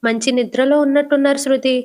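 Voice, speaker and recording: A woman's voice: high-pitched, steady tone, fast talker, a little mellow, close to an everyday voice. A woman voicing a timid young wife who anxiously pleads with her friend to stop. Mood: pleading.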